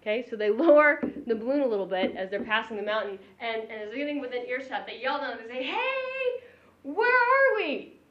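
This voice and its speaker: Woman physics lecturer, brighter-pitched, playful classroom delivery, roomy lo-fi recording. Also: quick pace, hardly any pauses. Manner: animated, joking, chuckles between points. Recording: echoey, dull lo-fi room recording.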